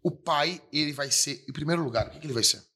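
Guy in his 30s, pastor on a podcast, talks quick, bright voice, keeps repeating himself to hammer it home. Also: on the high side. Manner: animated storyteller, repeats lines for emphasis. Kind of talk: casual podcast chat.

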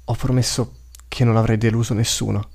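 A man's voice: on the low side, flat delivery, brisk, creaky. A man voicing a brave, polite young woman who is a doll brought to life by magic, in a storybook reading. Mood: determined. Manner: polite and gentle. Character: brave young female living doll, a warrior mage.

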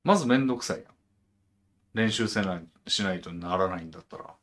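Low-voiced Kansai man, laid-back chat. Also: animated, fast, a bit bright. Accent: Kansai Japanese. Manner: laid-back, frequent short backchannels. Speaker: podcast host. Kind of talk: casual chat.

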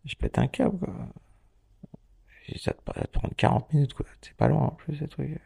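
A man with a gravelly, husky low voice tells a rambling, casual audio diary from his hospital stay. His tone is dark and mellow, loose and full of swearing and laughter. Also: brisk. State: hospital patient. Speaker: podcast host.

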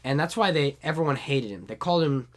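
A man's voice: on the high side, lively intonation, quick pace. Young guy, casual podcast co-host, crude rambling banter. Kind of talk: casual chat.

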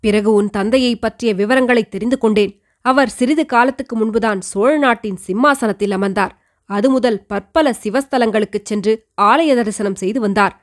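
A woman's voice: mid-range voice, voice pushed down, natural voice. A woman reading as an elderly devout queen mother. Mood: earnest. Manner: earnest, measured storytelling. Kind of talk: audiobook reading of a historical novel.

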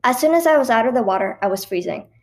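A woman reading her own personal story aloud in a lively, expressive way, with a few small stumbles. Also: on the high side, racing.

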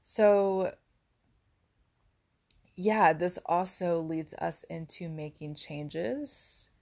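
Slow, low-voiced reflective young woman. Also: gravelly, darkish tone. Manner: meandering, reflective, many fillers. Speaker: astrology vlogger. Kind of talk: casual spiritual monologue.

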